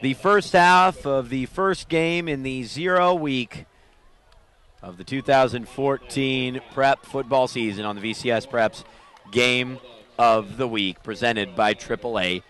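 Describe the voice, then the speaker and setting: A man calling a football game play by play, rising into excited calls on big plays. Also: medium pitch, unhurried. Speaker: play-by-play announcer. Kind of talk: live football commentary.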